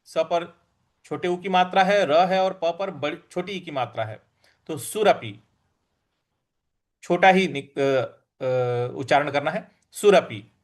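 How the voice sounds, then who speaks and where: A man teaching how to recite Sanskrit verse, breaking words into syllables and repeating them slowly and deliberately. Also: on the high side. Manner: slow, deliberate syllable-by-syllable drilling.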